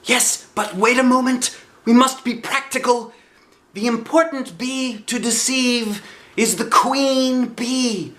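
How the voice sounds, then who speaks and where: Storybook toy bear: very high voice, earnest, fretful, ponderous and slow, slightly silly. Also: male voice, a bit bright, reverberant, full character voice. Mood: earnest, scheming. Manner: ponderous, solemn, drawn-out phrasing. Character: earnest, anxious, silly old honey-loving toy bear. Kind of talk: children's storybook read-aloud.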